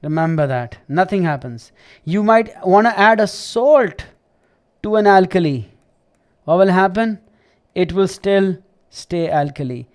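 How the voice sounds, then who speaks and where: A man's voice: sits high, expressive, a little slow, smooth. Chatty man teaching chemistry live. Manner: chatty, repeats himself, checks understanding often. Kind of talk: live online lesson.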